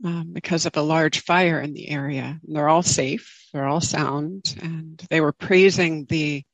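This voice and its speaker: Slow, reflective woman giving a dharma talk. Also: low-pitched, fairly even intonation, no room sound, low-quality recording. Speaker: meditation teacher giving a talk. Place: online group video call.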